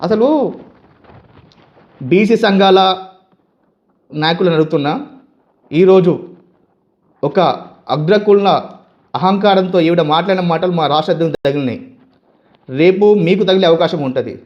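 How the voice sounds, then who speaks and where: A man's voice: high voice, moderate pace, long pauses, muffled recording. A man with a Telangana Telugu accent, a youth leader of a community association, delivers an angry political statement. He scolds with a string of heated rhetorical questions.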